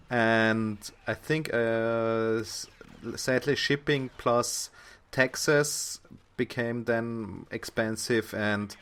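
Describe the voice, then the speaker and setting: A man's voice: mid-range voice, fairly even intonation, very slow, a bit bright, clean tone. A man co-hosting a casual podcast, talking hesitantly with fillers. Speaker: podcast co-host.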